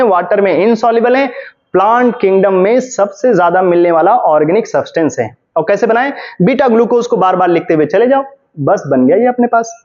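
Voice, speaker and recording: Man, high voice, dull lo-fi sound; teacher running an exam revision lecture in Hindi-English mix, poses questions and answers them himself. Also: darkish tone. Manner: explains step by step, often asks and answers his own questions. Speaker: chemistry teacher. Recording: dull lo-fi classroom recording.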